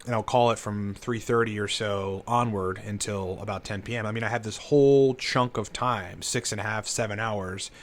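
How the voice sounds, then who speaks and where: A man in his late thirties, a channel host and entrepreneur, delivers a casual, unscripted monologue to camera. He rambles with lots of "you know"s and "like"s and swears freely, his fairly low voice fairly even in intonation, at normal speed with hardly any pauses.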